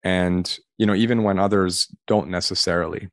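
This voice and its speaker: A man's voice: sits low, steady tone, normal speed, no echo, clean studio sound. A man from Los Angeles, in his thirties, answering interview questions in an earnest, reflective way, with many "you know" fillers. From Los Angeles, USA. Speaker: podcast guest, admissions consultant.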